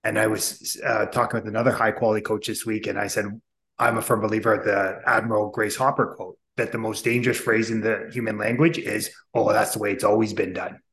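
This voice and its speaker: A male podcast host responds warmly and enthusiastically to his guest's ideas. His voice sits on the lower side. The recording has a noticeable room echo. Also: little pitch movement, fairly quick. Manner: enthusiastic, affirming. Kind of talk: casual interview conversation. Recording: echoey room.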